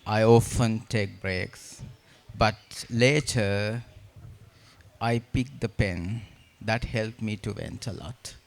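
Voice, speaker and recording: A man answering as a panel guest, reflective and measured, with halting phrasing. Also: on the low side. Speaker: panel guest, former humanitarian worker.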